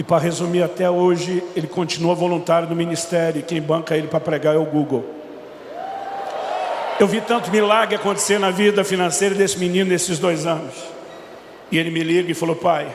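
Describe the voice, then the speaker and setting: Brief: middle-aged male pastor, animated storytelling preacher, gravelly high voice, long church reverb. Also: a little hiss or hum. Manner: animated storyteller, voices quotes of himself and his son. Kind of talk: sermon with acted-out dialogue. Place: large church hall. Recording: echoey church hall with reverb.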